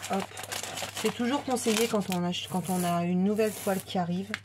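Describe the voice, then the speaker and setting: A woman's voice: mid-range voice, brisk, background noise. A woman chatting casually while unboxing a craft kit, with many fillers and restarts. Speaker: craft vlogger.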